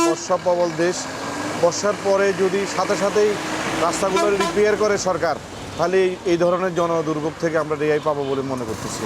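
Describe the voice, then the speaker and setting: A man speaks earnestly in a street interview outdoors by a road. His voice sits a little high. Clear traffic and engine noise runs behind him. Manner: earnest, complaining. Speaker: resident interviewed.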